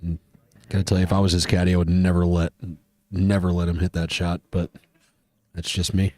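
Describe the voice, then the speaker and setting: A man's voice: deep voice, flat delivery, brisk, darkish tone, no echo. A man working as a golf commentator, talking through a match conversationally and offering his own advice and opinions.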